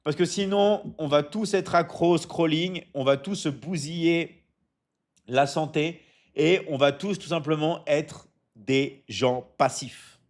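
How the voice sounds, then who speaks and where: A man from Michigan hosts a casual live stream, answering viewer comments and coaching as he goes. His voice sits on the high side and he takes things slowly, often stumbling and restarting. He keeps tossing in "d'accord?" in a coaching tone.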